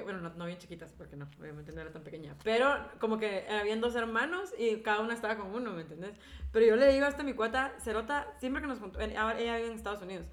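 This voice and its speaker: Guatemalan woman, young, crude slangy storyteller, high-ish voice, roomy echo. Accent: Guatemalan Spanish. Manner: crude, slangy storyteller who acts out dialogue. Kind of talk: casual chat among friends.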